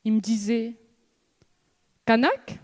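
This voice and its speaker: A young woman from New Caledonia, a student giving a contest speech on stage with slow, measured delivery, dramatic pauses and repeated refrains. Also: fairly high pitch. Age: young adult. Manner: rhetorical questions and repeated refrains. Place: stage in a hall before an audience.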